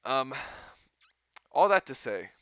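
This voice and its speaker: A man's voice: medium pitch, sing-song, slow pace, fairly bright tone, clear, resonant tone, no echo, clean studio sound. A man hosting a podcast, telling a rambling story in casual chat and laughing often. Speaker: podcast host.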